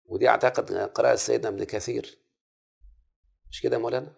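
A man's voice: medium pitch, fairly even intonation, fast talker, gravelly, husky. A man with an Egyptian accent teaching a classroom lesson on Arabic prosody, repeating the rules and checking that his students follow. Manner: repeats rules and checks understanding with frequent questions.

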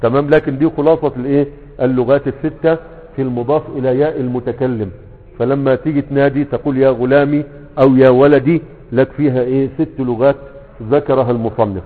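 A man's voice: mid-range voice, steady tone, fast. A man with an Egyptian accent teaching Arabic grammar, who keeps posing questions to the class and answering them himself. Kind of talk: grammar lesson explaining a classical text. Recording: tinny phone-like sound with long hall reverb.

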